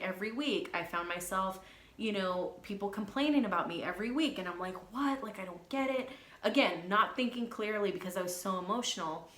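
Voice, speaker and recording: Young woman, bright voice, candid emotional vlog, echoey room. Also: medium pitch. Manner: emotional, frank, confessional. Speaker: beauty vlogger and hairstylist.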